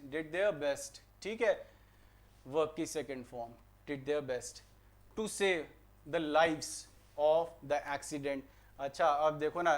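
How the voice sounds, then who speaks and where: A young man with an Indian accent teaching an online grammar lesson, mixing English into Hindi and firing rhetorical questions at students before answering them. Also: fairly high pitch. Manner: mixes English phrases into Hindi explanations.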